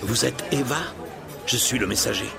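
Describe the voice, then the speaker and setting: An actor plays a mysterious, urgent secret messenger in a radio drama, with a breathy, gasping croak. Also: male voice, medium pitch, moderate pace, a crowd in the background. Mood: furtive. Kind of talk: language-learning radio drama. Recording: loud music over the voice.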